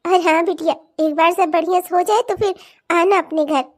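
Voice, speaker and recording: A woman's voice: very high-pitched, steady tone. A woman voicing a fond, protective middle-aged mother who speaks tenderly to her daughter. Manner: tender, warm-hearted, quick to defend.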